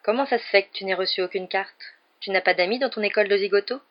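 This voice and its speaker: A woman's voice: mid-range voice, fast talker, close to an everyday voice. A woman reading a storybook aloud, voicing a plump, cowardly, taunting boy with a whiny, mocking voice. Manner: whiny and mocking, turning to panicked shrieks. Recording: dull lo-fi recording.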